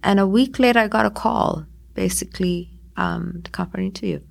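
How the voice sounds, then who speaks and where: Sri lankan-born woman, 40s, chatty interview guest, gravelly voice. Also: medium pitch, fairly quick. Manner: chatty, with many fillers and quoted asides. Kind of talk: conversational interview.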